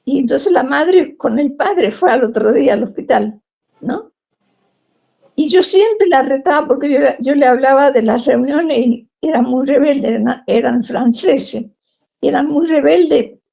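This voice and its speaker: Gravelly high-pitched Rioplatense woman. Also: a little slow, lo-fi sound. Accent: Rioplatense Spanish. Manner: animated, acts out quoted speech. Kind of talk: personal testimony storytelling.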